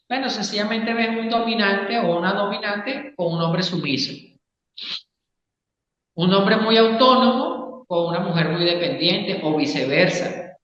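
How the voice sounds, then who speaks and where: A man's voice: high-pitched, a bit bright. A man, a psychologist explaining ideas in an interview and often checking in with the listener. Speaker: psychologist and Gestalt therapist, interview guest. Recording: echoey room, long reverb, dull sound.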